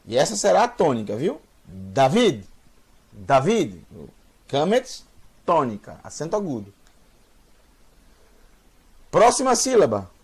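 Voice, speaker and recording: A man's voice: fairly high pitch, huge pitch swings, unhurried, pauses often, slightly rough. A man giving a beginner's language lesson, patiently sounding out words and repeating them for learners. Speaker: teacher. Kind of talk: slow spoken language lesson.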